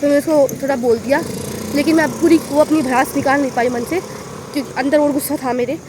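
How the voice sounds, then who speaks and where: Young woman vlogger from Haryana, high-pitched, lively storyteller, phone-recorded outdoors at night. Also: quick pace, background noise. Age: young adult. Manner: animated, exclaiming storyteller. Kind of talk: casual storytelling vlog.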